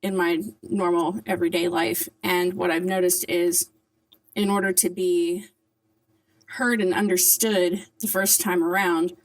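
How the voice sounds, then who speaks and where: A woman's voice: on the low side, flat delivery, measured pace, rough recording. A woman talking casually to camera in a vlog, articulating carefully around dentures, with a slight lisp and hard, whistling S sounds. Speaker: vlogger.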